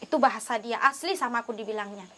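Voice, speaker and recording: Woman, high voice, emotional testimony, pleading, earnest. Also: quick pace, fairly bright tone, a little hiss or hum. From North Sumatra, Indonesia. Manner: earnest, pleading, acts out her prayers and dialogue. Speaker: interviewee giving a conversion testimony.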